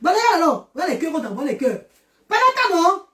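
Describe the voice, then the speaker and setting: Woman, middle-aged, from Central Africa, high voice, live-stream host, affectionate, exhorting. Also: big pitch swings, fast talker, fairly bright tone. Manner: affectionate, preachy, exhorting repetition. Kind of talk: casual live-stream talk to viewers.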